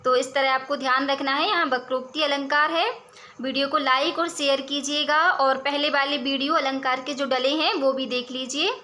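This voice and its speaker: A woman teaching a lesson on poetry, her voice high and bright. She reads each verse slowly, then explains it in a patient, steady way. Her manner is clear and instructive.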